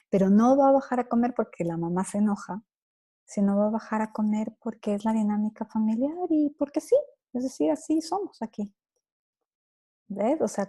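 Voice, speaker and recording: Warm-voiced woman answering parenting questions. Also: mid-range voice. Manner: conversational, acts out parent-child dialogues; laughs easily, lively quoting. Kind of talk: conference Q&A talk.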